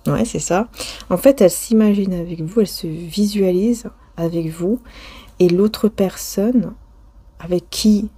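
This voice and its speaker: A woman's voice: mid-range voice, measured pace, warm tone, husky. Hesitant woman reading tarot cards. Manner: hesitant, restarts often, many fillers; addresses viewer directly, intimate. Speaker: tarot card reader. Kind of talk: casual spoken tarot reading.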